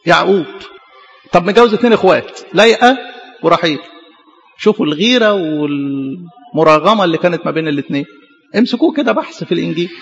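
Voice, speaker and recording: A man's voice: high voice, vocal fry. A man with an Egyptian Arabic accent, a priest preaching a sermon in an earnest way, repeating phrases for emphasis. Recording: dull reverberant hall sound.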